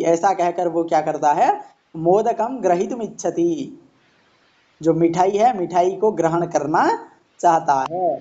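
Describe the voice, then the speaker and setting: A man's voice: sits high, dark tone. A man teaching a Sanskrit play, reading each line and then explaining it in Hindi. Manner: reads Sanskrit lines then explains them slowly in Hindi. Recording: dull lo-fi recording.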